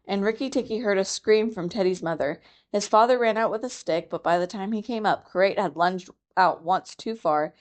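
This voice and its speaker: A woman reading a classic children's book aloud in a calm, even, clear storytelling manner for a library program. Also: medium pitch.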